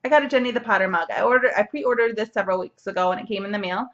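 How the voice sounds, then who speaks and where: A woman's voice: medium pitch, racing, fairly bright tone, dull audio. A young woman hosting a casual knitting podcast, chatty and bubbly, with lots of fillers and restarts. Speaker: podcast host. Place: home, seated at a computer.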